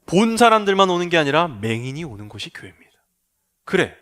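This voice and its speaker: Man, pastor, sermon, high voice, animated pitch, acts out dialogue. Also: quick pace.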